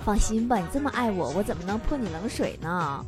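A woman hosting a comedic talk show, reading listener messages and teasing back with quick punchlines. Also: medium pitch, big pitch swings. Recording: studio recording with loud background music.

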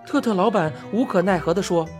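A woman narrating a children's storybook in an expressive reading style. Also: mid-range voice, fairly quick, soft background music.

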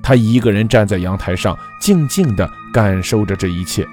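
Male narrator for a spooky folk tale, expressive and animated, faint music underneath. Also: on the low side. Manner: measured, dramatic storytelling. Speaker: storyteller. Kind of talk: scripted ghost story narration.

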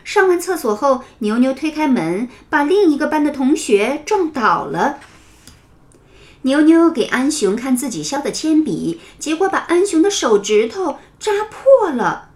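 A woman narrating a children's story in a gentle, expressive storytelling manner. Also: high-pitched, unhurried.

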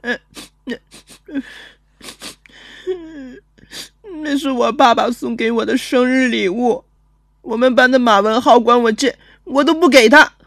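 A woman's voice: fairly high pitch, lively intonation, no room sound, studio quality. A woman voicing a timid, chubby ten-year-old boy who stammers and sobs as he speaks in an audio drama. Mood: tearful, stammering. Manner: stammering, sobbing, halting.

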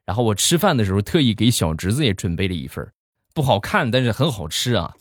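A man's voice: lowish voice, sing-song, fast talker, no room sound, studio quality. A man telling comic anecdotes in a chatty style, building up to punchlines. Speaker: comedy storyteller.

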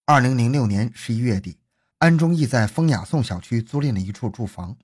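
A man tells a true-crime story in dramatic, scripted narration. His husky voice rises and falls in a lively way. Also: medium pitch, fairly quick.

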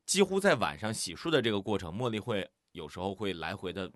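A man speaks in a low voice that swings widely in pitch. He earnestly explains his side in a relaxed chat about raising his daughter. The sound is dry and close-miked. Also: a little fast, no echo. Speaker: podcast co-host, father. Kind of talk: casual parenting chat.

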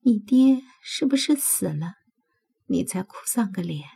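A cruel, spiteful young man who has become a half-human monster, sneering and taunting as he talks, as a woman puts him on in an audiobook. The voice is very husky and breathy, pitched a little high. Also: lively intonation, measured pace, dark tone, heavily acted. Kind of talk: audiobook character voice.

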